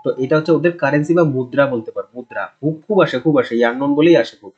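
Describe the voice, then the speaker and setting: Chatty quiz teacher. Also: male voice, mid-range voice, quick pace, darkish tone, breathy edge, muffled recording. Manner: conversational, repeats answers, tags "ঠিক আছে?" often. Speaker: exam coaching teacher. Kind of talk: casual online quiz lesson.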